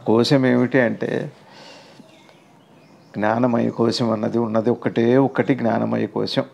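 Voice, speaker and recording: A man with a gravelly, creaky voice gives a spiritual teaching in the form of a conversation. He explains patiently and asks rhetorical questions. His voice sits at a middling pitch. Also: little pitch movement, unhurried, a little mellow, dull audio.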